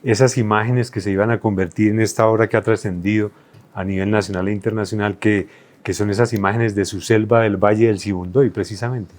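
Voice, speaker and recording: A man's voice: fairly low pitch, fairly even intonation, fairly quick. A man hosting a formal newspaper interview, polite and deferential toward his guest. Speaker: interviewer, host.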